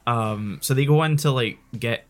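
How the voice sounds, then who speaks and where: A man's voice: medium pitch, normal speed, soft background music. A man with a Scottish accent co-hosting a podcast, explaining in a rambling, self-correcting casual chat. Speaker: podcast co-host.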